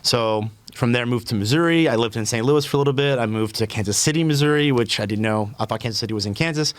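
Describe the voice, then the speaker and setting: A Puerto Rican man in his thirties chats casually as a podcast guest in a conversational interview, relaxed and full of ums and restarts. His mid-range voice moves fast, and the recording is dry.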